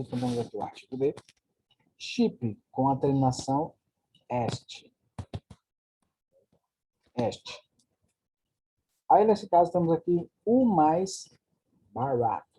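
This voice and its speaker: A man's voice: mid-range voice, lively intonation, slow pace, pauses often, mellow, a little hiss or hum. A man with a Brazilian Portuguese accent teaching an English grammar lesson, explaining patiently and checking in with his students.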